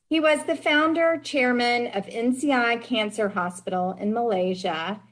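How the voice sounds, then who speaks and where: A woman with a Tennessee accent speaks as a podcast host. Her voice sits at a medium pitch as she delivers prepared introductions and interview questions. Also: rough recording. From Tennessee, United States.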